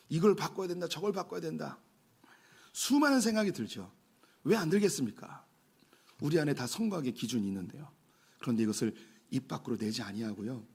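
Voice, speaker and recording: A man's voice: fairly high pitch, husky. A middle-aged man, a pastor, preaching a sermon in a church and telling stories, often dropping in short "yes" asides. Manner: warm storytelling with frequent "예" asides. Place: church sanctuary.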